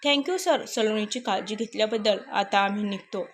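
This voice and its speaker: A woman's voice: medium pitch, normal speed, slight background noise, close to an everyday voice. A woman reading a storybook, voicing a reserved young working mother who is polite but curt. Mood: firm. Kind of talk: storybook narration.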